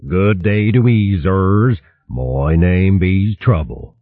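A man voicing a tiny young male mole with a booming bass voice and slow rustic dialect. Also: dry recording. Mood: cheeky. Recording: thin phone-like dry sound.

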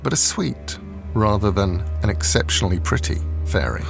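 A man's voice: on the low side, animated, normal speed, vocal fry. A man narrating an audio drama in a scripted, literary storytelling style. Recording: music behind the voice.

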